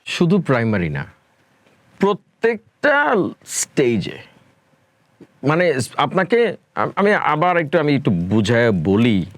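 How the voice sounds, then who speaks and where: A man's voice: fairly high pitch, wildly swooping pitch, takes it slowly, pauses often, no room sound. A man from Bangladesh answering interview questions as a spoken English educator, talking emphatically and dropping English phrases into his speech.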